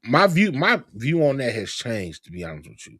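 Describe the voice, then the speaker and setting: Brief: middle-aged man, comedian and show host, mid pitch, relaxed and rambling, dry close sound. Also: moderate pace, husky, no echo. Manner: relaxed, rambling, lots of fillers. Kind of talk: casual chat.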